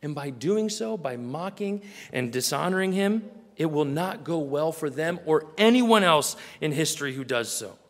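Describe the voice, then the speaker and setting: A man's voice: fairly high pitch, lively intonation, moderate pace. Man preaching in a reverberant hall. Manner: earnest preaching, acts out little scenes in a quieter voice. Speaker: pastor. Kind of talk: sermon.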